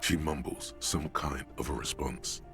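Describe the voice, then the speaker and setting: An actor voicing an all-knowing male narrator in a game, speaking in a grave, measured way. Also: a bass voice, steady tone. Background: game music.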